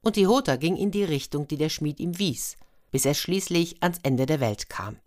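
A woman with a very low-pitched voice reads a fairy tale aloud. She speaks in a chatty, friendly manner and slips in asides to her listeners. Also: animated, normal speed, darkish tone. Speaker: storyteller.

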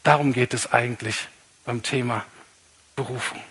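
Husky-voiced preacher, conversational. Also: male voice, medium pitch, steady tone, normal speed, a bit bright. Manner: conversational, repeats key points for emphasis. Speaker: pastor. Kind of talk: sermon.

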